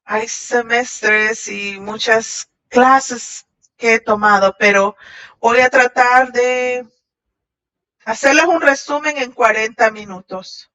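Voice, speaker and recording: Bright-voiced woman giving a translated sermon. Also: a little high, steady tone. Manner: halting, with restarts and fillers. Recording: dull lo-fi audio.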